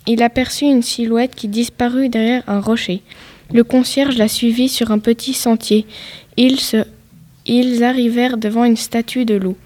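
A woman reading a story aloud in a steady, even way. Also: on the high side, normal speed. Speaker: story reader.

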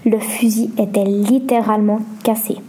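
A woman's voice: medium pitch, fairly even intonation, normal speed, mellow. A woman reading a story aloud in a plain manner, now and then stumbling over a word.

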